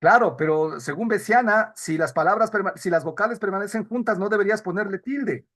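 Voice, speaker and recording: A man's voice: sits high, a little fast, a bit bright. A man teaching an online class, explaining rules and putting questions to students over a video call.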